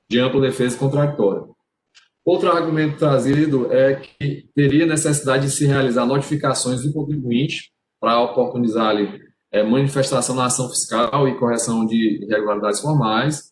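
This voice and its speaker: A man's voice: mid-range voice, a little hiss or hum. A man, a state attorney, giving a formal legal argument in a tax appeals hearing, often hesitating with repeated filler sounds over a video call. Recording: roomy echo on a video call.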